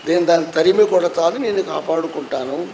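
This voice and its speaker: A man's voice: on the high side, fairly quick, dark tone, a little hiss or hum, close to an everyday voice, rough recording. A man playing a worried farmer father. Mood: calm.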